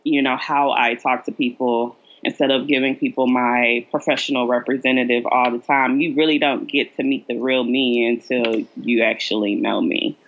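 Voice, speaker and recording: A woman's voice: rumbling low, steady tone, normal speed, hardly any pauses. A woman chatting casually as a podcast guest, informal and hesitant as she thinks aloud. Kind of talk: casual chat. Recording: muffled lo-fi audio.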